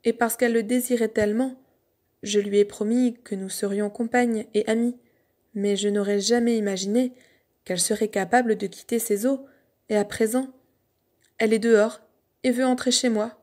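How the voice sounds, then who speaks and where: Woman doing a spoiled little princess from a storybook, a bit louder and higher than the narrator. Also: fairly even intonation, normal speed, lightly acted. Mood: anxious. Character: spoiled young princess, king's youngest daughter.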